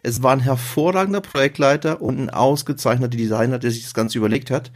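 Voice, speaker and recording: A man co-hosting a casual podcast, calmly recalling an early work project. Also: mid-range voice, quick pace. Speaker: podcast co-host.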